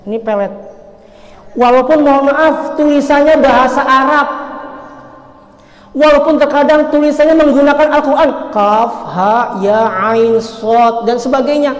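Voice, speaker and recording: Male preacher, casual sermon, talks straight to the congregation, loud emphatic points then hushed asides, roomy hall, long echo. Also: very high-pitched, fairly even intonation, measured pace. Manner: chatty, addresses listeners directly and jokes with them; swings between loud emphatic and quiet asides.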